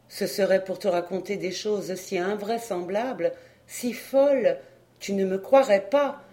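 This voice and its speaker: A woman's voice: mid-range voice, mellow, natural voice. A woman reading aloud as a weary, hesitant young man who survived a shipwreck and guards a secret.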